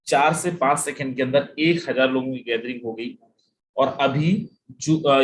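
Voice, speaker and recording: Male webinar presenter, mid-pitched, punchy rhetorical sales delivery, mixes English into his talk. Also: a little hiss or hum. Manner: emphatic, rhetorical questions, mixes English phrases; repeats "my friend" often.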